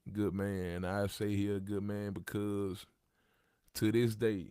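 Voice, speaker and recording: A livestream host in his thirties speaks slowly and flatly in a fairly low, mellow, gravelly voice. His talk is conversational and full of street slang, and he repeats himself; the studio audio is clean with no echo.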